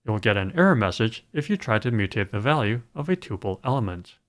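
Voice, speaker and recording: Lively-pitched man narrating a coding lesson. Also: fairly quick, a little hiss or hum. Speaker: programming tutorial narrator. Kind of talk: scripted screencast narration.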